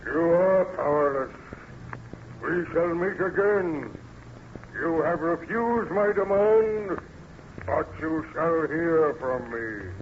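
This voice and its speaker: A man's voice: on the high side, slow. A man playing a lonely, bitter, menacing monster in an old-time radio horror drama, with solemn, declamatory delivery. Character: lonely, bitter, menacing male monster who learned to speak. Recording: muffled, noisy vintage radio recording.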